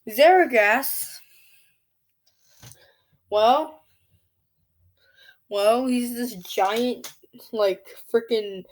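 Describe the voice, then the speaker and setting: A woman casually commenting on a monster battle video, rambling and tripping over names as she corrects herself. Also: fairly high pitch. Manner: off-the-cuff asides and self-corrections. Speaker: channel host.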